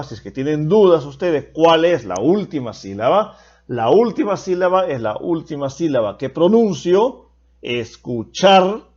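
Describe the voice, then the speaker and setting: A man's voice: a little high, darkish tone, muffled recording. A man teaching a recorded grammar lesson, patient and explanatory, repeating key points for his students.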